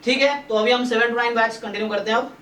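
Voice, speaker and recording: A man's voice: very high-pitched, fairly even intonation, fast talker, sharp tone. A man, a statistics and maths teacher, explains problems step by step in a Hindi-English mix and checks whether students follow. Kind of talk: doubt-clearing online class. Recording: roomy, distant mic, faint noise.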